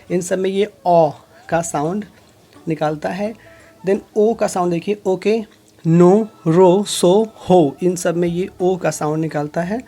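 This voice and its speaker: A woman gives a phonics lesson in a slightly low voice. She speaks very slowly and deliberately and reads out lists of example words one by one. Soft music plays faintly behind her. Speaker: English teacher. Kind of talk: phonics lesson explained in Hindi.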